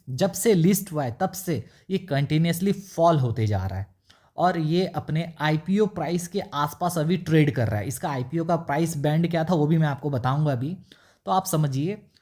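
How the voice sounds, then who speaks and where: Unhurried man explaining stock numbers. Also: a little high, dark tone. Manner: unhurried, pauses with fillers while reading numbers off the screen. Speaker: stock market YouTuber. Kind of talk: casual explanatory stock analysis with screen share.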